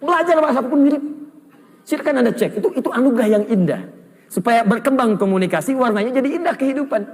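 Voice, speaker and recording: A man from Indonesia delivering a lively, humorous sermon as an Islamic preacher. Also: very high-pitched, fast. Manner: lively, humorous, acts out snippets of foreign speech. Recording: hall reverb.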